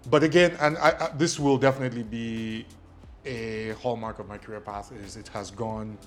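A man's voice: mid-range voice, fairly even intonation, normal speed, faint music behind. A man from Nigeria whose first language is Ijesha, a guest telling his story with lots of ums and a self-deprecating air. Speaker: guest, media company CEO. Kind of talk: casual interview.

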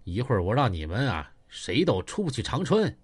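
Man playing a gruff hot-headed thug, belligerent, very animated pitch. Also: fairly quick. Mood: furious. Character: hot-tempered limping male gang member.

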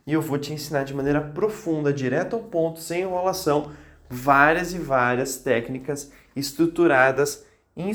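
A man's voice: fairly high pitch, echoey room. Insistent male podcast host with a cold. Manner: insistent, repeats phrases for emphasis. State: slightly congested with a cold, occasional coughs. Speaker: podcast host coaching teachers. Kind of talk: motivational podcast monologue.

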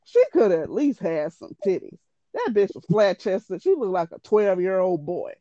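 A woman's voice: medium pitch, sing-song, moderate pace, dark tone, no echo. A woman animatedly retelling a story in casual, profane, exasperated chat. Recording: dull lo-fi dry audio.

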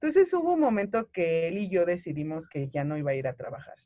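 A Mexican woman in her thirties tells her own story as a mother, animated and emotional, slipping into the voices of the people she quotes. The sound is dry and close, with no room around it. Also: lowish voice, quick pace, no room sound. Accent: Mexican Spanish. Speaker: guest mother. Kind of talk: personal story in conversation.

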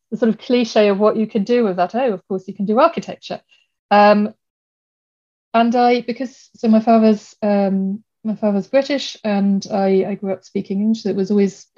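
This is a woman architect raised in Germany, a guest answering interview questions thoughtfully, with lots of fillers and restarted sentences. Her voice is medium-pitched and slightly mellow, and the audio sounds dull.

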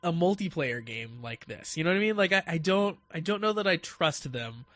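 A man's voice: fairly high pitch, expressive, moderate pace, a bit bright, no room sound. A man hosting a gaming podcast in casual chat, eager, laughing often and stammering through his sentences. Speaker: podcast host.

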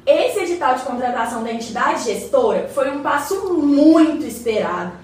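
Here a Brazilian actress, high-pitched and animated with a slightly mellow quality, speaks at normal speed. Cast as a helpful neighbour who knows her stuff, she patiently explains matters in everyday language and addresses her neighbour respectfully. The sound is distant and echoey, with faint noise.

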